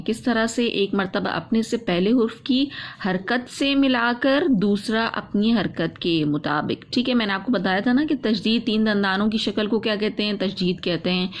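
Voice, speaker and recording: Woman teaching Quran reading step by step. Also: mid-range voice. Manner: asks questions and answers them herself, recites slowly and repeats. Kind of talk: step-by-step recitation lesson.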